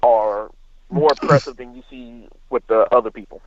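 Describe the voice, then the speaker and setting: A man's voice: medium pitch, normal speed, muffled recording. A man calling in to a radio talk show, arguing bluntly and swearing freely. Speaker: caller. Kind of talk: call-in radio chat.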